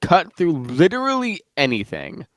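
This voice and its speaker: A man's voice: fairly high pitch, wildly swooping pitch, moderate pace, dry recording. Guy eating pizza while rambling about his made-up world, kinda muffled, dry close sound. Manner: rambling, many fillers and restarts. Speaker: guest worldbuilder. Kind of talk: casual chat about fictional lore.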